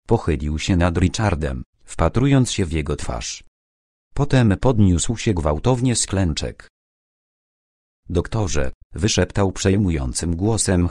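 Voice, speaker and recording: A man reading a mystery audiobook in a measured, expressive storytelling manner. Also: low-pitched, dry recording, studio quality. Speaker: audiobook narrator. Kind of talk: scripted narration.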